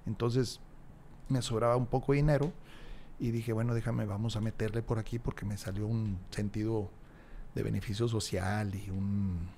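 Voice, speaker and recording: A man's voice: lowish voice, steady tone, moderate pace, dark tone, a little hiss or hum. A man, a podcast guest talking reflectively and emphatically with frequent restarts, on a desk mic in a small studio. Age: 60s. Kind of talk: casual interview chat. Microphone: large desk mic, headphones.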